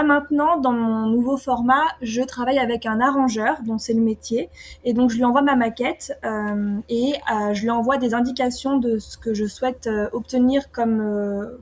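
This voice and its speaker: A young woman from France answering interview questions casually, often pausing with fillers and restarting her sentences. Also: fairly high pitch, a little mellow. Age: young adult. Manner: hesitant, many fillers and restarts. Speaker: singer-songwriter guest.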